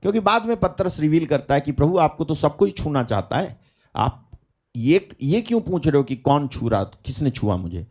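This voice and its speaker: A man's voice: on the high side, big pitch swings, normal speed, darkish tone. A man preaching a sermon at a live prayer meeting, talking emphatically with rhetorical questions and calls of hallelujah.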